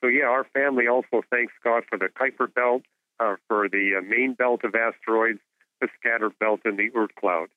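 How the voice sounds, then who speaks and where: A man speaking as a guest expert in an interview, explaining science in a measured, didactic way over a narrow phone-like connection. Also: mid-range voice, fairly even intonation, dry recording. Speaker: guest expert, astronomer and author. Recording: phone-like narrow-band radio call.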